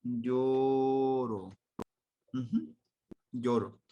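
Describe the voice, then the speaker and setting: A man from Mexico teaching a Nahuatl grammar lesson online, slow and patient, repeating words for his students. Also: mid-range voice, highs cut off.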